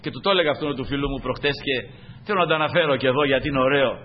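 A man's voice: medium pitch, long reverb tail, highs cut off, a little hiss or hum. A man preaching a fervent sermon, often addressing his listeners as brothers.

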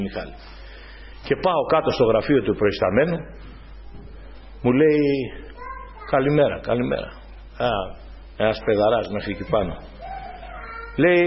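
A man's voice: medium pitch, dull audio, a little hiss or hum. A man preaching a fervent sermon, often calling out to his brothers and sisters in the congregation and telling stories from his own life. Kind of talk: sermon with personal testimony.

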